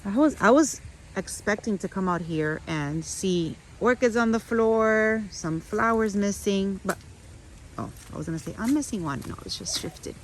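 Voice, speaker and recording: A middle-aged woman who grows orchids walks and talks through her outdoor garden on a windy morning, chatting to viewers with restarts and asides. Her mid-range voice moves at a normal speed, and the rough recording has a little hiss or hum.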